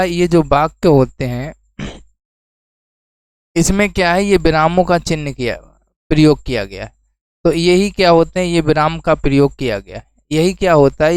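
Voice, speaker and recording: A man's voice: fairly high pitch, smooth, dry recording, low-quality recording. Man teaching exam prep, question-and-repeat style. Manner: explains then repeats key terms as questions to students.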